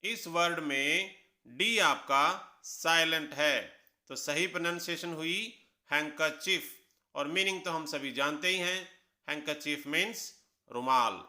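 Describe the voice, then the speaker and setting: A man with a high, very bright voice teaches pronunciation in a slow, deliberate classroom style at an unhurried pace. He spells out each word letter by letter, then says the correct pronunciation twice.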